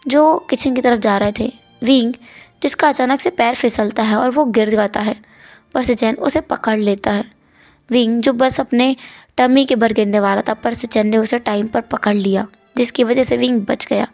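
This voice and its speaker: A woman's voice: on the high side, a little mellow. A woman retelling a story in a chatty, casual way, mixing in English words.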